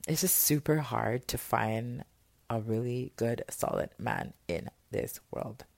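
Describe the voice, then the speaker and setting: A woman's voice: rumbling low, creaky, a little mellow, no room sound. A young woman, rambling through a casual podcast vent with loose, candid chatter and lots of fillers, recorded on phone earphones at home. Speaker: podcast host. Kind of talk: casual venting monologue. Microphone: earphone mic into a phone voice memo.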